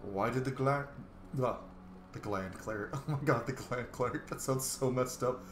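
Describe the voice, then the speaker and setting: A man with a medium-pitched voice speaks at a normal speed, offering casual, jokey commentary as he plays through a role-playing game. He riffs as he goes and seems easily amused. The recording has a roomy echo and faint noise.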